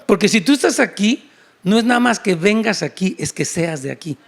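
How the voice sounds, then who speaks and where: A man preaching a sermon. He is animated, acts out quoted voices in shifting tones, and speaks directly to the congregation. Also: sits high, normal speed, vocal fry. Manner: addresses congregation directly and often. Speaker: pastor. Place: church service.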